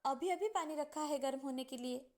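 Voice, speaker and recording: A woman voicing a gentle dutiful young wife. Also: sits high, moderate pace. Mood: concerned. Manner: soft and respectful.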